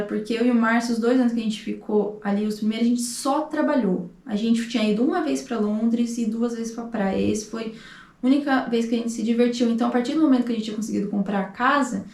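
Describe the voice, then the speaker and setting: A woman in her thirties with a Brazilian Portuguese accent, telling a personal story with emotion and acting out the dialogue. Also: on the high side. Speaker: vlogger. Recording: echoey room, distant mic.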